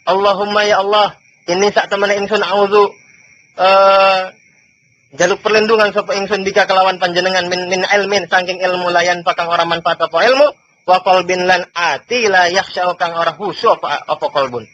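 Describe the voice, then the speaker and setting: A man with a high, bright voice teaches from a classical religious book, reading slowly and then explaining in a loose, chuckling way. The sound comes from old worn tape, dull and lo-fi. A faint hiss runs underneath. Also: steady tone. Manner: chatty, chuckles often between points. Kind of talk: classical book study lesson.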